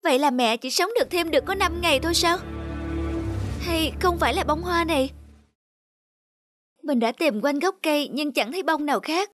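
A woman voicing a high-pitched little cartoon girl. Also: moderate pace, long pauses, natural voice. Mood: worried. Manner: childlike, emotional. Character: young girl, spoiled but loving daughter. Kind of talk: cartoon voice acting. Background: music.

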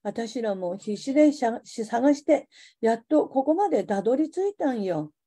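女性が演じる 広島弁の必死な姉. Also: female voice, fairly high pitch, expressive, moderate pace, mellow, slightly rough. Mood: urgent tearful. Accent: Hiroshima dialect. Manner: urgent, tearful, comforting. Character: desperate teenage older sister searching ruins.

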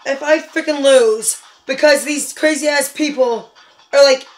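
A woman playing a racing game, commentating with swearing and frustrated yelling. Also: high-pitched, unhurried, soft background music. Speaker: gamer. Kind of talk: gaming commentary.

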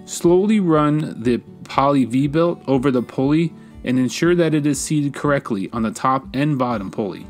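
A man, a woodworking channel host, giving calm, measured step-by-step voice-over instructions. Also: mid-range voice. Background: faint guitar music.

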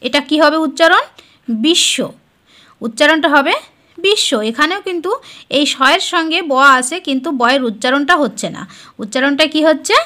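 Woman tutor, high and bright voice, slow careful step-by-step board lesson. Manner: explains step by step, asks and answers her own questions. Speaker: teacher.

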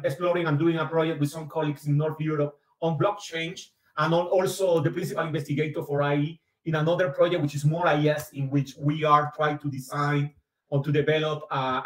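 Professor type from Colombia, Caribbean accent, hesitant academic delivery, room echo from a distant mic. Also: male voice, on the high side. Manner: hesitant, repeats "actually" often. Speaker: guest speaker, professor. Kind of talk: academic presentation. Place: home office, indoors. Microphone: video call. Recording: roomy video call audio from the mic.

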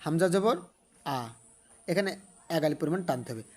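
A man teaching Quran reading. He spells each letter and vowel mark slowly, then draws out the blended syllables in a recitation tone. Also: fairly high pitch, animated, a little hiss or hum.

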